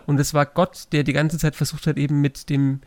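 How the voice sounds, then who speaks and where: Young male pastor, relaxed storyteller, dry close mic. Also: on the high side, fairly quick, no echo. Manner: relaxed storyteller, acts out voices in retellings. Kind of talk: casual faith podcast chat.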